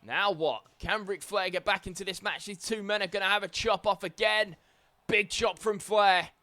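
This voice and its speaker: A man calls wrestling play-by-play over gameplay, naming every hold and slam as it lands. His voice sits a little high and rings bright and forceful. He breaks into excited exclamations at the big moments. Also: normal speed. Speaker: video game commentator.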